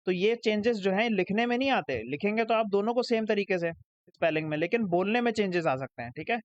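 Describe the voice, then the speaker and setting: High-voiced man tutoring with a Pakistani accent. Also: animated, fast, no echo. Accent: Pakistani Urdu. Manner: explains step by step, checks "ठीक है?" after each point. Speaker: English tutor. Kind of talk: recorded lecture over slides. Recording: dry, dull lo-fi sound.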